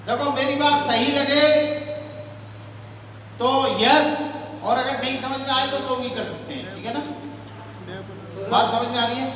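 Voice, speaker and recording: A man's voice: extremely high pitch, steady tone, a little slow, long pauses, a bit bright. A man giving a speech from a stage at a public gathering, firing rhetorical questions at the crowd and checking that they follow him. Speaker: public speaker. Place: stage at an outdoor or hall gathering. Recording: echoey hall sound from far off.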